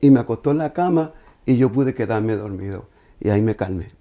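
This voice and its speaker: A man sharing an emotional personal testimony, telling it in an earnest, halting way with many restarts. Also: lowish voice, lively intonation, warm tone.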